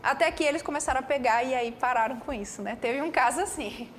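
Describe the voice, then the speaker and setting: Brazilian woman pharmacist lecturer with a high voice and an animated, chatty delivery. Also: quick pace, slight background noise. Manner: animated, peppers speech with "né" and "tá".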